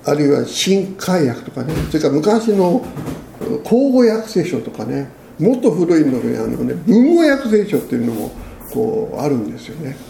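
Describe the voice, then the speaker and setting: A man's voice: a little high, big pitch swings, normal speed, gravelly, dark tone, reverberant, a little hiss or hum. A man preaching a sermon as a pastor, in a conversational way, often ending phrases with tag questions.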